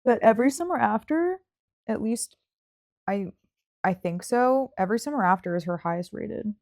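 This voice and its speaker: Chatting casually about books as a podcast host, a woman speaks informally, hedging and using "like" often. Her medium-pitched voice is expressive with a darkish tone, at a moderate pace.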